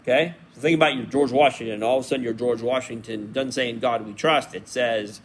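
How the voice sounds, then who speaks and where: A man's voice: mid-range voice, fast talker, slight background noise. A man leading a church Bible study in a loose, conversational way, with frequent fillers and restarts. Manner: animated and chatty, lots of fillers and restarts.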